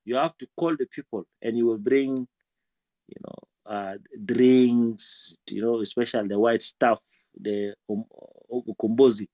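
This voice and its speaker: A man talks in a halting way, stumbling through restarts and fillers as he shares thoughts in a group discussion. His voice sounds muffled and slightly dull, and it is dry and close with no room sound, as if coming through a video call. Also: medium pitch, steady tone, warm tone, no room sound. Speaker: guest speaker.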